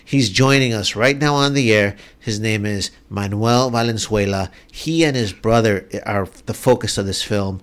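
A man's voice: fairly low pitch, normal speed, few pauses, clear, resonant tone. A man hosting a radio show, introducing a guest and asking him questions in an earnest, emphatic way. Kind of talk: radio interview.

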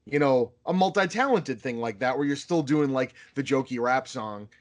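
A man in his thirties from the area talks as an interviewer in an easygoing, rambling way, filling his sentences with "you know" and "like" and restarting often. His voice sits at an ordinary middle pitch. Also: animated, moderate pace. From Boston area. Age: 30s. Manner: rambling, many fillers and restarts. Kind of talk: casual conversational interview.

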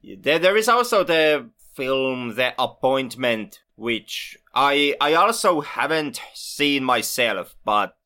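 A man with a bright, crisp, clear voice co-hosts a movie podcast. He talks in measured, considered sentences and slips in dry jokes. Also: mid-range voice, lively intonation. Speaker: podcast co-host. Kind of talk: casual film podcast chat.

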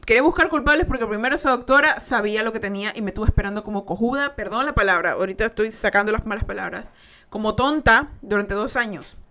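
A woman's voice: medium pitch, quick pace, bright, forceful tone. A young adult woman hosting a podcast, telling a personal story in a casual, emphatic and blunt way, swearing freely. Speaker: podcast host.

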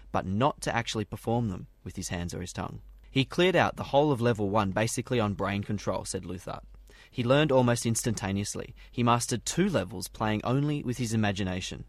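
A man with a fairly low voice reads prepared science news. The recording is dry, with hardly any room sound around him. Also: no echo. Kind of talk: scripted news reading.

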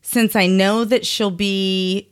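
A woman from Puerto Rico chatting casually on a podcast, animated and fond of acting out what other people say. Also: medium pitch, slow, clear, resonant tone. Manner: animated, acts out quoted voices, laughs often. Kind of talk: casual chat.

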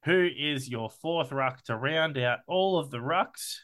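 An Australian man co-hosting a casual sports podcast, excitable and swearing freely as he talks through his team picks. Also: on the high side, a little slow. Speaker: podcast co-host.

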